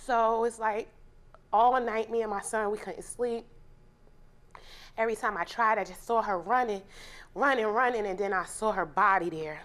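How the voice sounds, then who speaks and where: A woman's voice: mid-range voice, normal speed, pauses often. A woman testifying as plaintiff on a TV court show, telling her story in a vivid, emotional way. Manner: vivid, animated retelling. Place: TV courtroom set.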